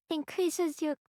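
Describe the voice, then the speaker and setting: A young woman streamer with a very high voice and an unhurried, slow way of talking, giggling and bubbly as she chats over a game. The sound is close and dry. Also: a little mellow, dry recording. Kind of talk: casual gaming chat.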